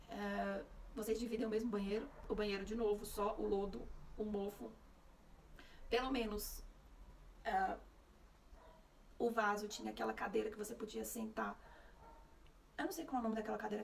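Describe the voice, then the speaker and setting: A woman's voice: mid-range voice, creaky, recorded from a distance, a little hiss or hum. A young woman from Brazil with a Brasília Portuguese accent, telling a personal story to camera in a candid, conversational way and acting out the dialogue. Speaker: vlogger.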